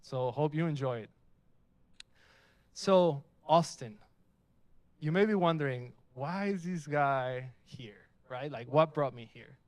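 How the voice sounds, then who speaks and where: At a live tech meetup in an event space, a young adult man from Mexico gives a casual, upbeat talk and quizzes the audience along the way. His voice sits a little high and moves slowly, with long pauses. There's no echo.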